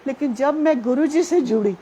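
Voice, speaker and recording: A woman's voice: high-pitched, normal speed, mellow, slight background noise. Earnest woman telling a devotional testimony. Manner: earnest storytelling, addresses listeners directly. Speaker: devotee sharing a personal testimony.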